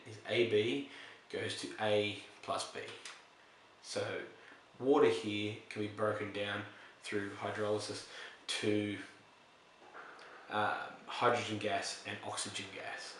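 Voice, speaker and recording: A man's voice: fairly low pitch, measured pace, recorded from a distance, slight background noise. Man teaching chemistry in an echoey room. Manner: relaxed, explanatory, with fillers and self-corrections. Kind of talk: recorded lesson explaining reactions.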